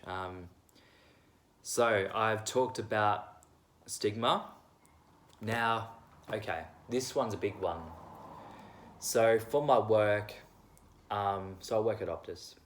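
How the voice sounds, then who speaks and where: A man's voice: on the low side, fairly bright tone. A young man vlogging at home, giving his candid opinions in a rambling, self-deprecating way. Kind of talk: casual opinion monologue.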